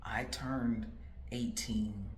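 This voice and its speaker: A man's voice: mid-range voice, fairly even intonation, drawn-out words, slight background noise. A man in his forties, a political candidate, talking straight to the viewer in an emphatic, repetitive way full of rhetorical questions. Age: 40s. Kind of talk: direct-to-camera political commentary. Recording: roomy echo.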